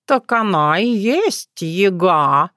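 A woman voicing a slow, courtly talking cat. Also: medium pitch, animated, a bit bright, dry recording, clean studio sound. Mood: startled. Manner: slow, ceremonious, purring.

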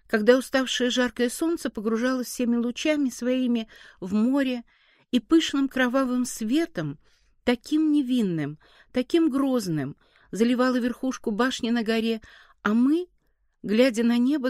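A woman reading a literary story aloud in a slow, measured, melancholy way. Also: on the high side, darkish tone, no echo, clean studio sound. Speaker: reader.

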